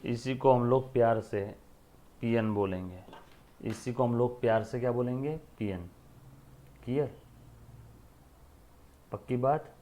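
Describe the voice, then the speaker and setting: Commerce teacher guy lecturing, keeps asking clear? and answering himself. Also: mid-range voice, a little slow, pauses often, dark tone. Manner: repeats questions and answers them himself, calls students beta. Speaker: accounting teacher. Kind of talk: classroom lecture.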